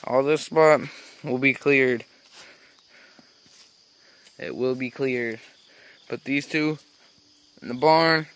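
A man's voice: takes it slowly, pauses often, a bit bright. A teenage man filming a casual farm vlog on his phone, rambling as he shows off the barn, the animals and a trailer. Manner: rambling, talks to the animals in a high baby voice. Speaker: farm vlogger. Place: outdoors on a farm and in an open wooden barn. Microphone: phone camera held at arm's length.

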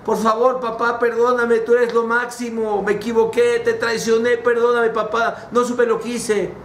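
A man's voice: extremely high pitch, flat delivery, moderate pace, a bit bright, echoey room, distant mic, slight background noise, pitched above the performer's own voice. A man with a Mexican Spanish accent voicing a remorseful young runaway prince who begs his father's forgiveness. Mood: repentant. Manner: begging, tearful pleading.

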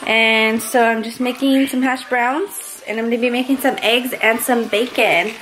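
A woman's voice: on the high side, fairly even intonation, moderate pace. A woman in her twenties chatting casually to her vlog camera, two days after having her wisdom teeth out. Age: 20s. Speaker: family vlogger and mother. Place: home kitchen, front yard and parked or moving car. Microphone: camera at arm's length. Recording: clear background noise, household and car hum.

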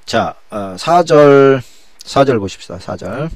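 A man's voice: mid-range voice, lively intonation, slow, dry recording. A male pastor teaching a Bible study lecture in a colloquial way, full of rhetorical questions.

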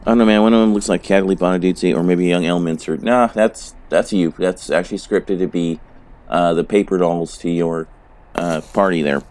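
Here the same kind of gamer speaks with a deep, slightly mellow voice, brisk pacing, and fairly even intonation. Hoarse from a sore throat, he keeps up relaxed, foul-mouthed commentary as he plays.

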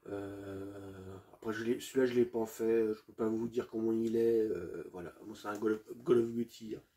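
A man's voice: fairly low pitch, fairly even intonation, normal speed, dark tone. A man presenting his video game collection in a casual, hesitant way, with many fillers and restarts, addressing viewers as friends.

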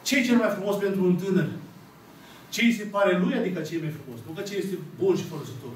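Recorded from far off by a camera at the back of a small, echoey church, this high-sitting male voice belongs to an Orthodox priest in his thirties with a Romanian accent. He retells a parable to his seated flock slowly and emphatically, pausing dramatically and acting out what the characters say. Slight background noise is present.

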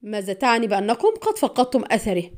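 A woman voicing a male intelligence chief who speaks with forceful, barely held-back anger. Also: fairly high pitch, lively intonation, quick pace, natural voice. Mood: angry.

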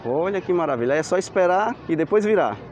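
Filming on a handheld camera as he strolls through an outdoor street market, a man enthusiastically points out the stalls and exclaims "que maravilha" for his vlog. His voice is high and darkish, with lively intonation and a quick pace, while crowd noise fills the background.

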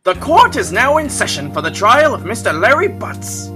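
A woman's voice: a little high, big pitch swings, normal speed, over loud music. A woman voicing a stern, solemn judge in a fan-dubbed courtroom game, formal and grave in manner.

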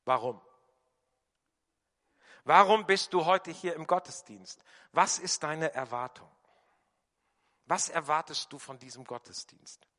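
Bright-voiced German preacher in a reverberant hall. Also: male voice, a little high, slow pace, long pauses. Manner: emphatic, varies loudness, quiet voicing of quoted prayers. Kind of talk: sermon. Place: church hall. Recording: long church reverb.

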